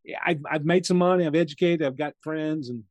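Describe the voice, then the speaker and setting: In a muffled recording without echo, a US real estate investor in his sixties talks briskly as a podcast guest in a casual interview. His voice is a little high and a little mellow, and he tells rambling stories while acting out other people's lines.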